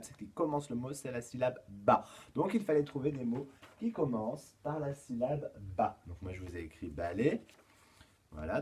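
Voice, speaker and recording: A man teaching a remote lesson to young children, counting aloud slowly and patiently, with frequent fillers as he explains. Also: mid-range voice, slight background noise. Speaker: kindergarten teacher.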